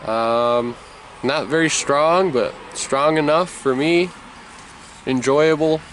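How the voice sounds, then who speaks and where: A man's voice: on the high side, slow. A man giving a casual, rambling review as he talks with a wad of chewing tobacco in his mouth. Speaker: product reviewer. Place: outdoors. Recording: noisy outdoor recording, people and traffic behind. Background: loud people nearby, vehicle noise.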